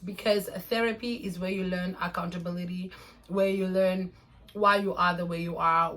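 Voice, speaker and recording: Low-voiced young woman vlogger. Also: fairly bright tone, rough recording. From Namibia. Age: 20s. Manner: earnest, emphatic repeated advice. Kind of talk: casual motivational vlog.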